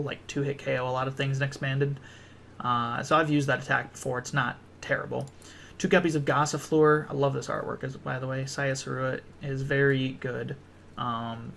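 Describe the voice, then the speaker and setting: A man's voice: mid-range voice, gravelly, a bit bright, a little hiss or hum. A tired young man casually walking through a card game deck, rambling with many ums and restarts.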